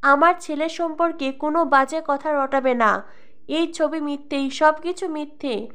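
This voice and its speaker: A woman reading the lines of a proud middle-aged mother who speaks in an insistent, forceful way. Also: sits high, unhurried. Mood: furious.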